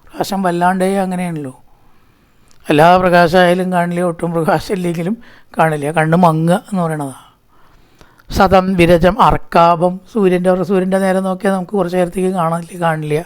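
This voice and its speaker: A man teaching scripture, slowly chanting Sanskrit verses and then explaining each one in relaxed, conversational speech. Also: sits high.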